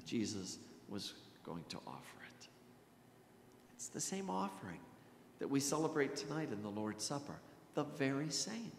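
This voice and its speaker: The recording is echoey and hissy, taken through a gooseneck mic at the pulpit of a church sanctuary. A middle-aged American man preaching as a Lutheran pastor speaks in a lowish voice, emphatic and full of deliberate pauses and repetition, often sinking to a hush.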